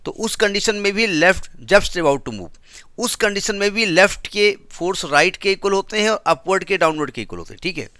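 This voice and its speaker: A male physics teacher with an Indian English accent lectures step by step and keeps quizzing his class. His voice is bright and a little high. The sound is dry and close. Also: animated, normal speed, no echo. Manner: explains step by step, asks the class questions.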